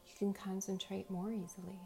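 A woman speaking as a slow, soothing hypnotist, guiding relaxation in short soft phrases with long pauses. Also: medium pitch, little pitch movement, gravelly. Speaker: host of guided meditation and hypnosis sessions. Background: faint music.

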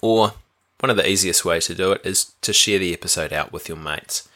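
Low-voiced, bright-toned New podcast host. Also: male voice, brisk. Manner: relaxed, chatty, frequent fillers. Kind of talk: casual podcast chat.

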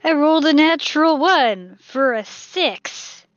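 A woman playing a tabletop game, speaking in a brisk, matter-of-fact way. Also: high voice, animated, no room sound, soft background music. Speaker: player. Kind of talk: casual tabletop play. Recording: dry, slightly dull close mic.

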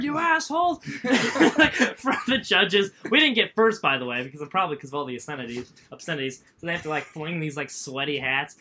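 A man, co-hosting a casual sports podcast and telling animated stories full of shouted quotes. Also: fairly high pitch. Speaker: podcast co-host.

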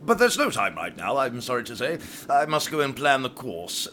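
A man's voice: mid-range voice, big pitch swings, normal speed, sharp tone. An actor voicing a dutiful, stiff male spaceship captain with a melodramatic streak, in a comedy audio drama. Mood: polite. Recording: audible background noise.

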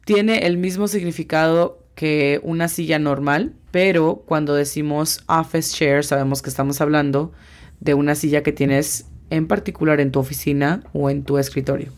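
A woman's voice: low voice, fairly even intonation, a little mellow. A woman teaching English vocabulary, spelling out each word sound by sound. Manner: slow, spells words out sound by sound. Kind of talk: language lesson.

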